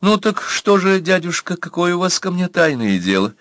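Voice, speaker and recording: A young noblewoman, sharp-tongued and indignant, voiced by a male narrator. The voice jumps well above his usual register and comes out loud and cutting. The audiobook sound is dry and close. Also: sits high, sing-song, moderate pace, no echo, voice pushed up. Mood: scornful.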